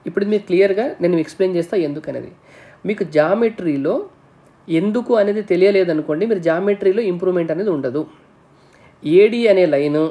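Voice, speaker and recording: A male teacher runs through an exam-prep lesson at a quick clip, his voice soft and mellow rather than bright. He explains each step in turn, often checks that the viewer is following, and slips English technical terms into his speech. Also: high voice.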